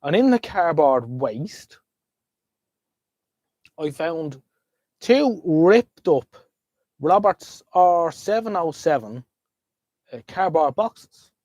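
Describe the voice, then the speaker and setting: Drawing out his words and pausing often, an Irish man hosts a casual live stream, rambling to viewers at a desk mic while sniffling from a slight head cold. His fairly high voice is very animated and a little mellow, with no room sound.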